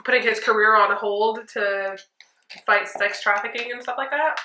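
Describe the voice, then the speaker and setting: Her medium-pitched voice keeps a moderate pace, with a little hiss or hum over the echo of a small room at home. She's a woman in her twenties hosting, doing a friend's makeup while spinning jokey, animated stories.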